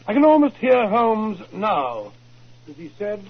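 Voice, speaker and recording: An actor playing an earnest, gentlemanly English doctor in a 1940s radio drama, speaking precisely like a seasoned storyteller. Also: male voice, high voice, big pitch swings, unhurried. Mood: earnest, recounting. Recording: muffled 1940s radio broadcast recording.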